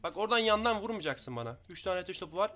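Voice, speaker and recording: A young man from Turkey giving excitable commentary on his own Minecraft match, taunting opponents in quick banter. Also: high voice, soft background music. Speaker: gaming YouTuber. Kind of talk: live Minecraft gameplay commentary.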